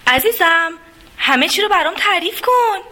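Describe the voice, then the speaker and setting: Brief: woman doing wicked stepmother for a kids' story, bossy and shrill, lively pitch. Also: heavily acted. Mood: sweet. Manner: shouting, bossy orders. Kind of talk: children's storybook reading.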